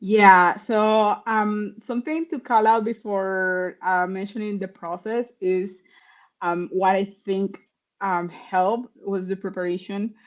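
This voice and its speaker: Answering interview questions as a guest, a Colombian software engineer comes through on a dull call line. She sounds earnest and conversational, restarting haltingly at times, in a steady, medium-pitched voice.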